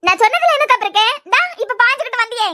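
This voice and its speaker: A woman's voice: very high voice, lively intonation, dry recording, clean studio sound, heavily acted. A woman with a Kanyakumari Tamil accent voicing a fierce scolding grandmother in a cartoon series. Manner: sharp, scolding, quick-fire. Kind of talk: cartoon web series voice acting.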